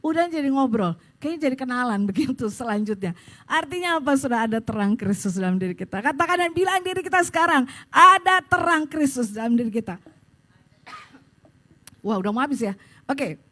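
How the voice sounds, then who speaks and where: A woman's voice: sits high, fast talker. A woman pastor preaching a sermon at a church service, telling stories and speaking straight to the congregation. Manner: animated storytelling, addresses the congregation directly.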